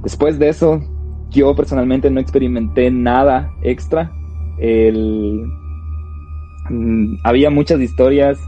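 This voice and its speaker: A man tells a personal ghost story to podcast listeners, slowly and with suspense. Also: medium pitch, mellow. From Ecuador. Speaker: podcast co-host. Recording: dull lo-fi sound with faint music.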